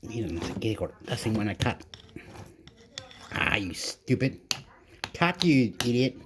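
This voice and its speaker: This man's voice is on the low side, sing-song and a little slow, against a noisy background. He's a southern Chilean cooking vlogger with a Chilean accent, rambling through a casual home-kitchen video with pep talk, switching between English and Spanish.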